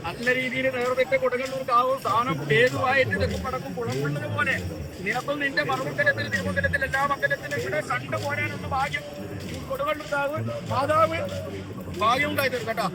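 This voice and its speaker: A man's voice: very high voice, very noisy. A man with a Kerala accent speaking as a possessed oracle, exhorting and blessing devotees in repeated set phrases.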